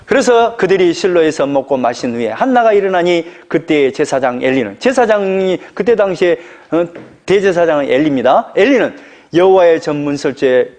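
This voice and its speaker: A man preaching an expository sermon as pastor, animated, asking the congregation rhetorical questions. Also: on the high side, normal speed.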